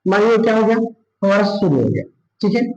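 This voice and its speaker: A man's voice: sits high, sing-song, moderate pace, vocal fry, dull audio, slight background noise. A man with a Bihari Hindi accent teaching a science lesson, asking questions and answering them himself. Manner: repeats "thik hai" often. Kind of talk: classroom lesson. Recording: echoey room.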